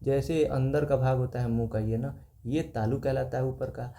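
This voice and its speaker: Male teacher, exam-prep lecture; patient step-by-step explainer, mellow tone, echoey room. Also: medium pitch, fairly even intonation, moderate pace. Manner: explains step by step, repeats key terms, points at the page.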